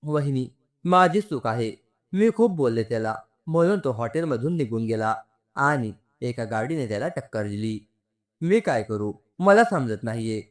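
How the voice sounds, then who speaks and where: A man's voice: mid-range voice, lively intonation, moderate pace, natural voice. A man voicing a remorseful young woman who pleads and apologizes through tears in a storybook narration. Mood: remorseful pleading. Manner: tearful, apologetic, begging.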